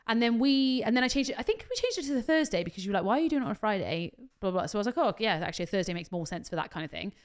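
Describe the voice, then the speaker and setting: Chatty woman, fairly high. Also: very animated, very fast, few pauses. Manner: chatty, swearing, laughing storyteller. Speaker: podcast co-host. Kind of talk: casual chat.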